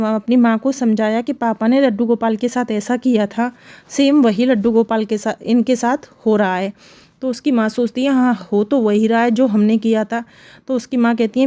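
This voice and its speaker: A woman's voice: fairly high pitch, fairly even intonation, moderate pace, dark tone. A woman narrating a devotional true story in an earnest manner, voicing the characters' lines within her telling. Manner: earnest, retelling with quoted dialogue.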